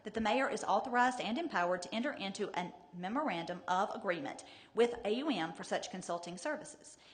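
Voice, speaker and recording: A woman, a city councilor, formally reading out a resolution. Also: medium pitch. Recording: reverberant meeting hall.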